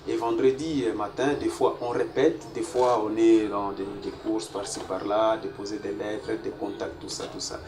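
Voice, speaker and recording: A man's voice: lowish voice, fairly even intonation, moderate pace, hardly any pauses. Man in his forties, distant and echoey. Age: 40s. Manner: lists plans at length, drops in Swahili words. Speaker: guest artist. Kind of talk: casual interview answers. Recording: echoey room, distant mic, noisy.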